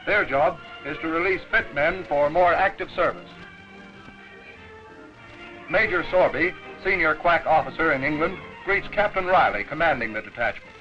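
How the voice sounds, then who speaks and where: A man narrates in the brisk, declamatory manner of an old newsreel, his voice sitting a little high. The sound is dull and lo-fi, like a 1940s soundtrack. Music plays clearly behind him.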